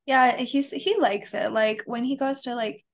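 A woman with a Chicago accent and flattened Midwestern vowels co-hosts a casual podcast. Her voice sits a bit high, with plenty of vocal fry. She talks informally, dropping "like" often. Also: a little slow. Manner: informal, frequent "like". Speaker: podcast co-host.

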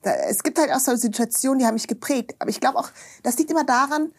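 A woman guest on a podcast, chatting casually and telling lively stories that act out what people said. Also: sits high, fast talker, slightly rough. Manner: lively storyteller, acts out quoted dialogue, frequent tag questions.

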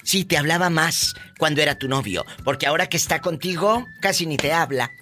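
A man's voice: on the high side, lively intonation, brisk, bright, forceful tone, faint music behind. A man hosting a live radio talk show, giving playful, sassy, theatrical advice to listeners from a studio. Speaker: radio host.

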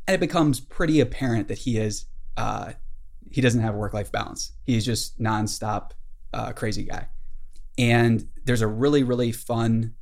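A man's voice: mid-range voice, moderate pace, gravelly, darkish tone. A man hosting a podcast, retelling a classic novel in a casual, enthusiastic way with many fillers. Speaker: podcast host.

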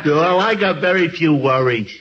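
Comic dimwit, played by an actor: cheerful dopey male, slightly high, muffled noisy 1940s radio recording. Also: animated, a crowd in the background, close to an everyday voice. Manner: dopey, slow-witted. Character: cheerful, dim-witted tavern regular man. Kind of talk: 1940s radio comedy acting.

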